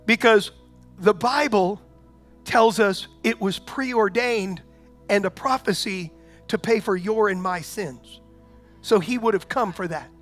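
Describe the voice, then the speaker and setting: High-pitched guy preaching a sermon, chatty, lots of rhetorical questions, faint music behind. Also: slow pace. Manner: builds to loud proclamation. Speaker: pastor.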